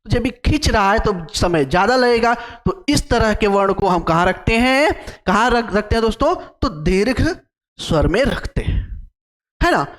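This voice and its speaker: High-voiced teacher drilling vowels. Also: male voice, lively intonation, measured pace, a bit bright, in a large hall. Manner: repeats key terms and quizzes the class with questions; draws out vowel sounds to demonstrate length. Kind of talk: exam-prep lecture.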